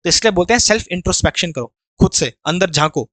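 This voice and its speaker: In an exam-prep grammar lesson, an English teacher slowly reads each sentence out word by word, then explains it. The man's high-pitched voice is animated and a bit bright, with no echo.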